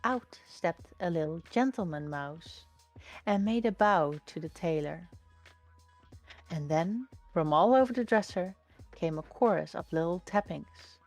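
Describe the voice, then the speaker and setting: A woman reading a children's storybook aloud in a slow, gentle, expressive way. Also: fairly low pitch, no echo.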